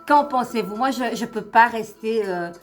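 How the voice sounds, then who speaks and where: A woman's voice: a little high, normal speed. A woman with a slight lisp doing a casual tarot reading for her followers, chatty and encouraging, repeating phrases for emphasis. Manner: lisps, tripping over words when pleased. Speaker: online tarot card reader and host. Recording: music playing behind the voice. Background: instrumental music.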